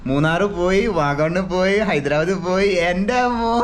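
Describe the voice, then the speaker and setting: A young man with a Kerala Malayali accent talks to his vlog viewers in a high, excitable voice. He sprinkles English words and slang through his Malayalam. The recording is noisy, with outdoor ambience and vehicles around him. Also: moderate pace. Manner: excitable, exclamatory, addresses viewers often. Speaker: travel vlogger. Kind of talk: casual travel vlog chat to viewers. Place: mostly outdoors on town streets.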